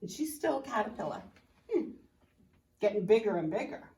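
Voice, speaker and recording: A woman teacher reading a picture book aloud to children, expressive and explaining the pictures as she goes. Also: mid-range voice, moderate pace. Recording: roomy, from a distance.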